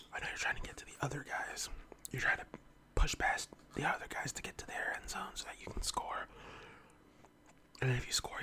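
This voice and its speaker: Close, bright whispered ASMR ramble. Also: mid-range voice. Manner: whispering close to the mic, as if leaning in. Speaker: ASMR eating-video host.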